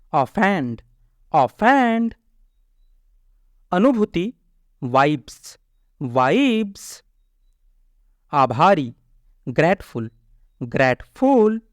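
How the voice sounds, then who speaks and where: A man with a high, smooth voice reads a vocabulary list very slowly, with a pause between each word. He says every English word twice in a measured, deliberate drill. The recording is close and dry. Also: no echo.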